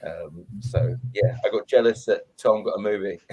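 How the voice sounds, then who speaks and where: A man's voice: fairly low pitch, darkish tone, husky. A man, an actor guest in an interview, out of breath and friendly, self-deprecating.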